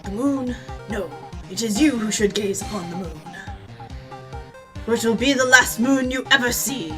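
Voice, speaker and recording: A woman's voice: on the high side, animated, normal speed, lightly acted. Declaiming kids'-show samurai hero, as a woman puts him on. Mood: grave. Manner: grave, dramatic, declaiming. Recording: clear music behind.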